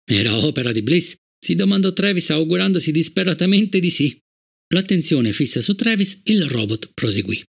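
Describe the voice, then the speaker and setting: A man narrating an audiobook in a measured, even storytelling manner. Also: fairly high pitch, creaky, breathy edge. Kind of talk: scripted narration.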